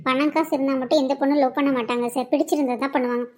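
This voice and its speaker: A woman's voice: sits high, fairly even intonation, very fast, darkish tone, close to an everyday voice. A woman voicing an earnest young woman in love in a cartoon drama, pleading and arguing her case.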